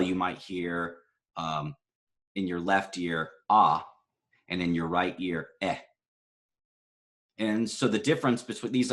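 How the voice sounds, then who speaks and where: A man with a very low voice gives a recorded psychology lecture. He walks through study results casually, with plenty of "um"s and self-corrections. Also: a bit bright. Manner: conversational, many fillers and self-corrections.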